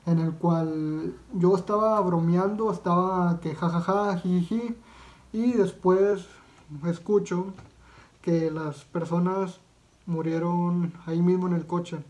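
A man's voice: sits high, fairly even intonation, slow pace, a little mellow. A man with a Mexican accent doing casual reaction commentary as a video vlogger, talking in a slangy, profane way with lots of fillers and restarts.

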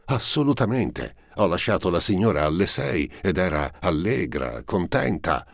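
A man's voice: low voice, very animated, normal speed, vocal fry, no echo, clean studio sound, voice pushed up, full character voice. A man voicing a pale, shaken count at court, protesting in a startled, earnest way for an audiobook. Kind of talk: audiobook character reading.

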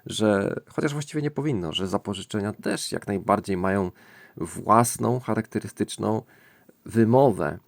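A man with a low, gravelly voice walks through a language point in a thoughtful, musing way, stopping now and then to search for the right word. The sound is close and dry, with no room around it. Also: animated, moderate pace, dry recording. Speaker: language-learning channel host. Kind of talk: explanatory screen-recording lesson.

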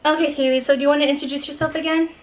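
A woman hosts a casual mukbang vlog, chatting to camera in an upbeat, playful way with a child beside her. Her voice sits high with a level tone, and she talks very fast.

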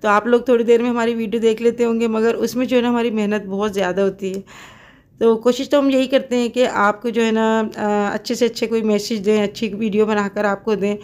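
A woman's voice: on the high side, flat delivery, fairly quick, a little mellow. A middle-aged woman from Pakistan talking casually to her viewers in a home kitchen while cooking, chatty and devout, with many fillers. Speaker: cooking vlogger.

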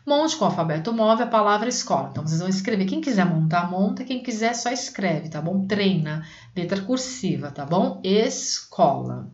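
A woman teacher takes young children through a reading workbook, repeating each word slowly and splitting it into syllables. Her pitch rises and falls in a lively way. The recording sounds dull and lo-fi, in a room with a lot of echo. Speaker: primary school teacher. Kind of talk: remote reading lesson for children.

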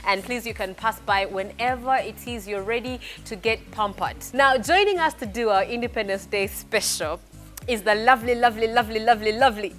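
A young woman with a bright, crisp voice hosts a relaxed chat show from a salon set. She teases her guests and laughs a lot. Soft music plays faintly underneath. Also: fairly high pitch, a little fast. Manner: playful, laughs often, teasing. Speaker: host. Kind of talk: casual talk show chat. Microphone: lapel mic.

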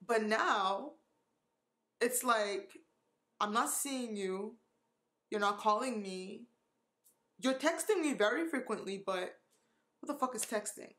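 A woman's voice: on the high side, animated, slow, pauses often, a bit bright. A woman in her twenties from Nigeria telling a candid storytime vlog about dating, emotional and close to tears, with lots of fillers and swearing. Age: 20s. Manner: candid, emotional, heavy use of "like" and cursing. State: tearful, close to crying. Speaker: vlogger.

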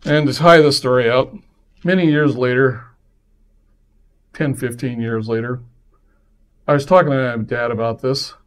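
A man's voice: medium pitch, measured pace, long pauses. A man hosting a podcast, telling a personal story casually and acting out the voices of the people in it. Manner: lively, acts out quoted voices in his stories. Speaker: podcast host.

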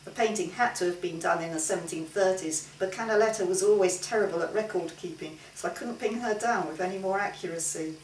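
A middle-aged woman reads a short story aloud as scripted first-person narration during a home gathering in a living room. Her voice is lowish and a little fast, with hardly any pauses. The distant mic leaves the recording roomy, with faint hiss.

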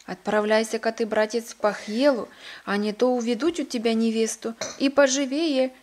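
A woman voicing a brisk, bossy young sister hurrying her brother along in a storybook reading. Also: a little high, steady tone, a little mellow, a little hiss or hum, natural voice. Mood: urging. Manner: urging, calling out.

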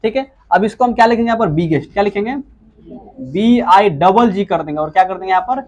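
A man with a high-pitched, slightly mellow voice gives a classroom-style English grammar lecture. He keeps asking questions only to answer them himself, and he says important words slowly and more than once.

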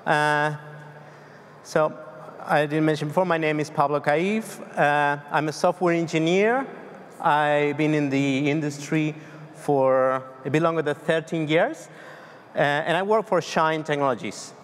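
A man from Argentina in his thirties, with a Spanish accent, speaks unhurriedly in a voice on the high side during a tech conference talk. He is loose and hesitant, with frequent fillers and restarts. He speaks from the stage of a large, dark hall, caught with long reverb.

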